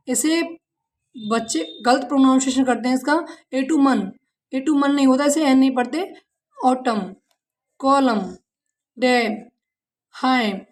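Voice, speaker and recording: High-voiced Indian woman teaching English. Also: a little mellow. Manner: spells words letter by letter and asks the students questions; calls listeners "beta" in a motherly teaching tone. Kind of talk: classroom-style language lesson.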